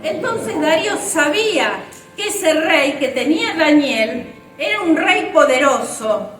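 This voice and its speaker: A woman's voice: high voice, expressive, unhurried. A woman preaching a sermon in a church, fervent and emphatic. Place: church hall. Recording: roomy church hall, mic at a distance, faint music.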